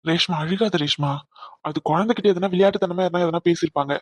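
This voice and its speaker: A man voicing a kind young groom in a cartoon, calmly reassuring his tearful bride. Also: high-pitched, fast, no room sound. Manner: reassuring, coaxing. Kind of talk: cartoon dubbing.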